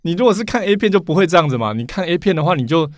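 A man's voice: fairly high pitch, lively intonation, racing, dry recording, clean studio sound. A man with a Taiwanese Mandarin accent speaking as an interview guest, explaining things casually and repeating phrases as he goes. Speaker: interview guest, vintage record collector.

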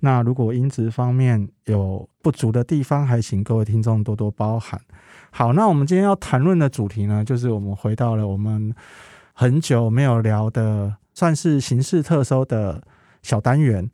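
A man's voice: mid-range voice, normal speed, dark tone, no room sound, studio quality. A man with a Taiwanese Mandarin accent hosts a conversational podcast, speaking through a face mask. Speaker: podcast host.

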